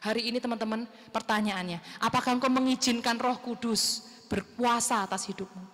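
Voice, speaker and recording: A woman preaching a lively youth sermon, animated and calling for amens, recorded in a church hall. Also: on the high side, a little fast. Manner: animated, asks the crowd for amens, mimics youths' questions. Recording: long reverb of a church hall.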